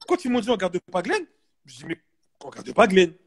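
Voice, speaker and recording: A young man chatting casually as a guest, telling a story in animated street slang and repeating himself for emphasis. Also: sits high, brisk. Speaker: guest, basketball player.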